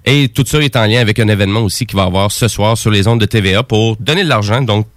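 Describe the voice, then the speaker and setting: In a radio studio, a man with a Quebec French accent co-hosts a casual talk show, speaking fast in a fairly low voice on a dry recording. He explains things at length, rambling and leaning heavily on fillers.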